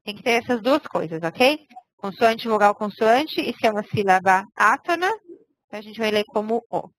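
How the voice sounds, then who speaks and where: A woman's voice: mid-range voice, expressive, normal speed, dry recording, low-quality recording. A woman teaching a language lesson, patiently explaining step by step and checking in with her students. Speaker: Hebrew teacher.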